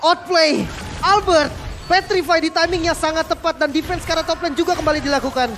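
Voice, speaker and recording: A man's voice: extremely high pitch, steady tone, a little fast, a bit bright. An Indonesian man working as an esports caster, giving match commentary and analysis. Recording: music behind the voice. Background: music.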